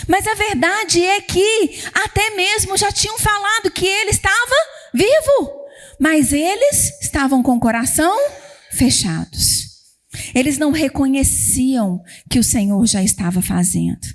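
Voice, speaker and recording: A Brazilian woman preaching a Sunday sermon, repeating phrases for emphasis and acting out worshippers' voices in quick asides. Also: very high-pitched, lively intonation. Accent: Brazilian Portuguese.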